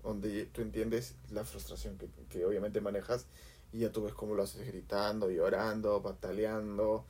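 A man's voice: on the low side, flat delivery, moderate pace, a little mellow, breathy edge. A man in casual podcast chat, reflective and advice-giving, with many restarts.

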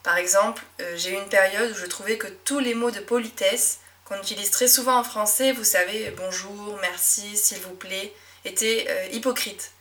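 A young woman from southwest France with a Médoc accent, a French teacher talking reflectively in a casual monologue, with frequent fillers and soft laughs. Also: mid-range voice, steady tone, moderate pace, distant mic. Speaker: French teacher and podcast host.

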